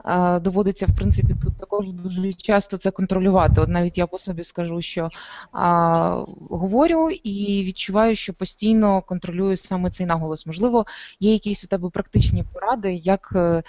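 Brief: quick-talking woman from Ukraine as interviewer, dull lo-fi recording. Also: mid-range voice, a little mellow. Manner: quick, conversational with fillers. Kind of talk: casual interview talk. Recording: dull, lo-fi, dry sound.

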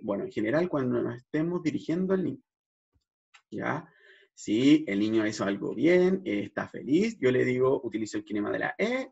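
Gravelly man explaining slowly. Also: medium pitch, darkish tone. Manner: hyperarticulated, frequent "¿ya?" checks, demonstrates vowel sounds expressively. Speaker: speech therapist. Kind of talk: educational explanation. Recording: dull lo-fi recording.

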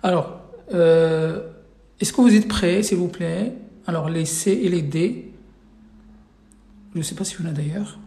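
A man's voice: on the high side, measured pace, gravelly, pauses often, mellow, echoey room. A man teaching an Arabic reading class online, running a live quiz and patiently repeating each question several times for his students.

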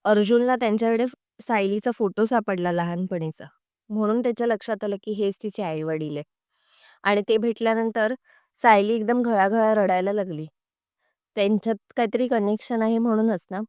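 A woman reading the lines of a haughty, sharp-tongued young wife in a serial recap. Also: medium pitch, normal speed, clear, resonant tone, dry recording, studio quality, close to an everyday voice. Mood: plotting. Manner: rude, scolding.

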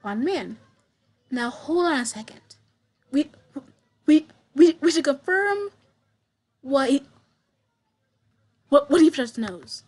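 A young woman streaming a game, reading its dialogue aloud and commenting, stammering and repeating words, with sudden excited bursts. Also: high-pitched, slow pace, pauses often. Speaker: gameplay streamer. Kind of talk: reading visual novel text aloud with commentary.

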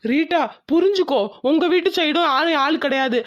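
A woman's voice: sits high, normal speed, no echo, muffled recording, close to an everyday voice. Woman voicing a worried, broke young husband. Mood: pleading. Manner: pleading, exasperated. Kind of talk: cartoon voice acting.

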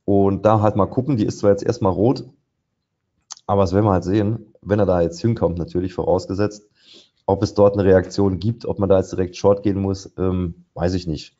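A man's voice: low-pitched, steady tone, a little fast, mellow, muffled recording. A man commenting live on market charts as he trades, thinking aloud with many fillers. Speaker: trader presenting a live trading session. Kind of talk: live market commentary over screen share.

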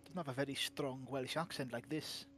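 A man's voice: mid-range voice, steady tone, normal speed, fairly bright tone. Teasing Liverpool man on a game stream. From England. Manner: teasing, dry jokes, drops to a whisper for asides. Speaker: co-host. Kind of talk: casual gaming stream chat.

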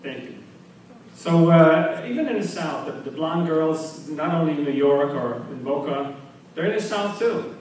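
A man rattles off one joke after another at an open mic night and jumps up in pitch for each punchline. He sits far from the mic in a very echoey small club. A faint hiss runs under his voice. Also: lively intonation, unhurried, darkish tone. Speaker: stand-up comedian.

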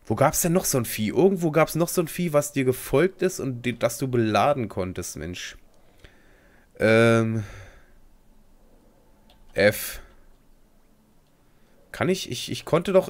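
A young man giving casual, rambling commentary as he plays a game, slangy and talking to himself. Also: medium pitch. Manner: rambling and slangy, talks to himself while playing. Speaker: gaming video host. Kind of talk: casual let's play commentary.

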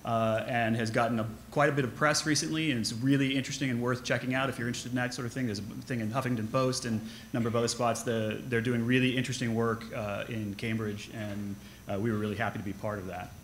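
A man in his forties, an architect co-presenting on a panel, talking casually with many halting fillers. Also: medium pitch, fairly even intonation, a little hiss or hum. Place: large conference hall. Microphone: podium microphone.

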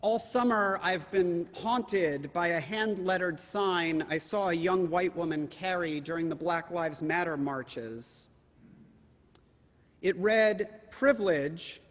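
High-voiced rabbi preaching in a reverberant hall. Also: male voice. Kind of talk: sermon.

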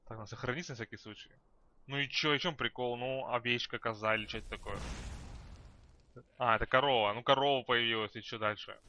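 A man's voice: medium pitch, fairly even intonation, brisk, pushed and bright, lo-fi sound. A man giving casual, comedic gameplay commentary, exclamatory and slangy with mock outrage. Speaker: gamer, let's play host.

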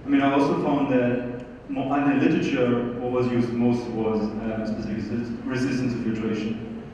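A man in his thirties giving a technical presentation and answers at a conference, with halting phrasing, on a handheld microphone. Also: medium pitch, little pitch movement, dark tone, distant mic. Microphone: handheld microphone through hall PA. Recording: muffled, very echoey hall, faint noise.

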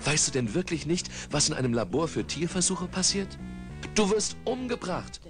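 A man voicing a prim, easily shocked young female house cat in a storybook audiobook, in a high, indignant voice. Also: very animated, moderate pace, over music.

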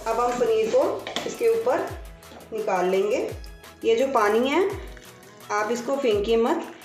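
Speaking a little high with a darkish tone, this cooking-channel host walks through kitchen tasks step by step, calmly repeating each one. She's in a home kitchen, and the audio is roomy and distant with faint background music.

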